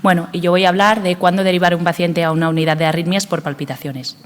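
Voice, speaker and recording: Low-voiced woman with a cold, hall reverb. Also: level tone, fast talker, a little hiss or hum. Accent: Spanish. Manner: hesitant, many fillers. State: has a cold. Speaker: cardiologist speaker. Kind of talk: medical conference talk. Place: conference hall.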